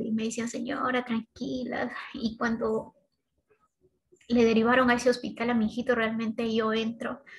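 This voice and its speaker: A woman giving a personal faith testimony as a mother, speaking in a heartfelt, halting way with restarts and tag questions. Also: a little high, rough recording.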